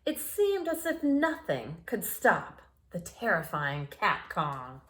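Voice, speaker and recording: A woman reads picture books aloud to children, her pitch swinging in big, lively arcs at a slow, unhurried pace. Playful and expressive, she often breaks off to speak straight to her young listeners.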